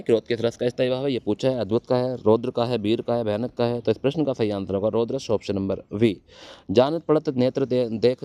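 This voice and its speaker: Fast-talking exam coach, man. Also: mid-range voice, mellow, no echo. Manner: quizzes students, answers own questions. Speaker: exam-prep teacher. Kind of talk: fast exam-prep lecture.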